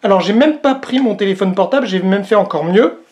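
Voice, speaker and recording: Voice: mid-range voice, expressive, a little fast, darkish tone. Chatty unboxing vlogger at home, lots of um and uh, talks right to the viewers, laid back demo. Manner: chatty, addresses viewers directly, many hesitant fillers; self-mocking about own English accent. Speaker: host reviewing a product.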